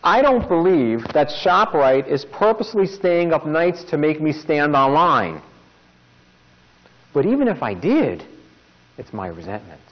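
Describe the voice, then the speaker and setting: A man's voice: on the high side, very animated, unhurried. A man giving an informal self-help talk as a podcast host. He mixes wry, jokey asides into his explanations. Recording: dull lo-fi recording.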